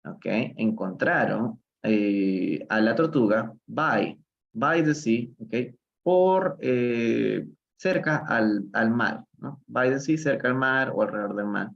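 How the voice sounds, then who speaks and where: A man's voice: mid-range voice, slow, creaky, muffled recording. A man from Peru teaching English in a live online reading lesson, patiently explaining step by step and switching between Spanish and English.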